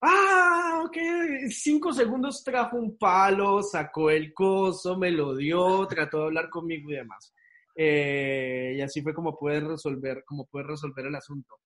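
A man telling things casually and informally as a podcast guest, with an animated storytelling manner. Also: a little high, moderate pace.

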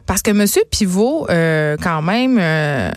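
A woman with a Quebec French accent giving radio commentary in a wry, lively way, with plenty of fillers. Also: fairly low pitch, slow pace, no room sound, clean studio sound. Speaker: radio columnist. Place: radio studio.

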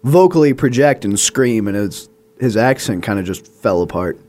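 A man's voice: lowish voice, expressive, normal speed, a little mellow. A man co-hosting a podcast chats casually about a film. He hesitates and restarts his sentences, and adds dry, wry remarks. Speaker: podcast co-host. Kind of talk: casual movie review chat.

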